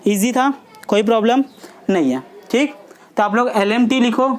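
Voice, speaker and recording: A woman's voice: on the high side, moderate pace. Woman teaching physics in a questioning style. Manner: asks the class questions and answers them herself; checks understanding with short tags like "theek hai". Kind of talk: classroom lesson at a board.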